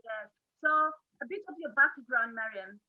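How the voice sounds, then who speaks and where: A woman hosts an online interview show, introducing her guest with effusive praise and plenty of halting fillers. Her voice sits a little high. It comes through a thin, phone-like line. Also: lively intonation. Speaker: show host.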